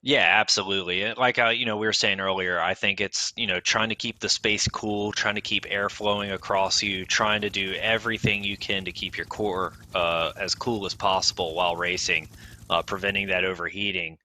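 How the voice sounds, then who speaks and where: A man's voice: sits low, fairly even intonation, normal speed, bright, forceful tone. A middle-aged man giving hesitant, filler-heavy analysis on a virtual cycling race broadcast. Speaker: guest analyst. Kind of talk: esports cycling commentary.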